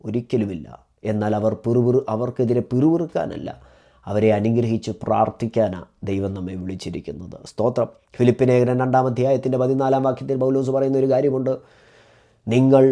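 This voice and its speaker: Malayali male preacher, warm and dark tone, rhythmic repetitive sermon delivery with emphatic exhortations. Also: medium pitch. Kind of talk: devotional sermon.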